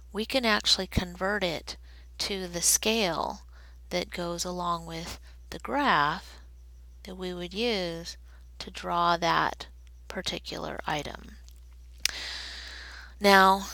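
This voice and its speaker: A woman's voice: mid-range voice, vocal fry, bright, forceful tone, no echo, poor audio. A woman teaching a recorded statistics lesson, explaining step by step while she draws graphs. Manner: slow, deliberate explaining while drawing on a graph.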